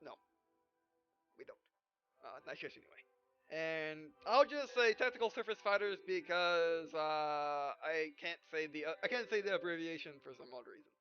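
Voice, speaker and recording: A gaming video host does let's play commentary in a low-pitched, expressive voice, reading game dialogue aloud haltingly, stumbling and often correcting herself. The lo-fi microphone sounds dull and muffled, with game music in the background.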